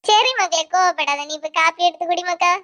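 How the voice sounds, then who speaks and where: A voice actor playing a bossy middle-aged mother with a Kanyakumari accent who scolds and teases her family in a cartoon. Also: very high-pitched. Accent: Kanyakumari Tamil. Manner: sharp, scolding, quick comebacks.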